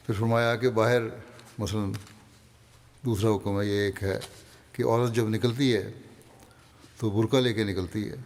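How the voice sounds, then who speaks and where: Low-voiced man preaching a sermon. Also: steady tone, a little mellow, big-room sound, a little hiss or hum. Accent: Pakistani Urdu. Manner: measured, reads and explains quoted passages. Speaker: religious leader giving a Friday sermon.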